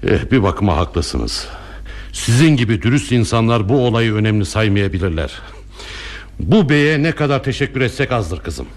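A man's voice: lowish voice, sing-song, normal speed. A middle-aged actor playing a courteous, easily flustered father and teacher in a classic radio play. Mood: flustered, gracious. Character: flustered hospitable father, warm and fussy. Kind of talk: 1960s Turkish radio theatre acting.

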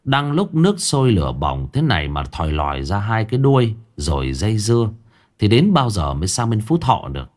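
A man's voice: lowish voice, fairly quick. A man narrating a ghost story expressively. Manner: expressive, animated.

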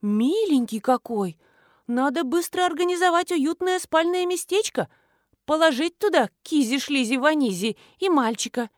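A fussy, anxious housekeeper from an audiobook, as a woman narrator puts her on, quick to panic and coo. Her voice sits fairly high, swings lively and sounds dry and close. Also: no room sound. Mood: fussing.

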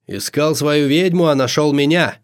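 A man voicing a sly, self-assured female demoness who purrs her lines slowly and half in a whisper. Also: fairly high pitch, voice pushed up, close to an everyday voice. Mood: teasing.

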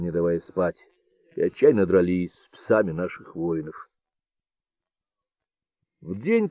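Male audiobook narrator, calm and measured, lowish voice, dry dull recording. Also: no room sound. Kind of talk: scripted narration.

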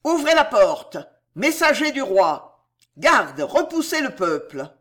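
An audiobook reader voicing a stern male officer who shouts orders at the city gate. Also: medium pitch, sing-song, takes it slowly. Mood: commanding.

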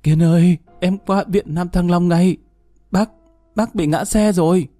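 Anxious pleading young woman done by a man reading a story, mellow soft voice, dry close sound. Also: medium pitch, lively intonation, fairly quick, dry recording, faint music behind, natural voice. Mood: sobbing panicked. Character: young woman, scheming then tearful and remorseful.

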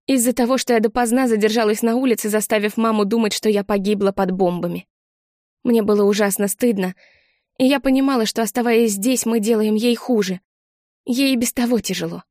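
A woman narrating a first-person story as an audiobook, measured and expressive. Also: medium pitch, dry recording, clean studio sound. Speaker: audiobook reader.

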